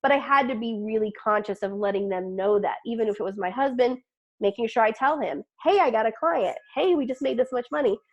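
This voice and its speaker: A middle-aged woman guest talking business and family in a lively, chatty way, slipping into quoted voices and laughing along. Her voice sits a touch high for a woman. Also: brisk, highs cut off. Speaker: podcast guest, marketing business owner. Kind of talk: casual interview chat.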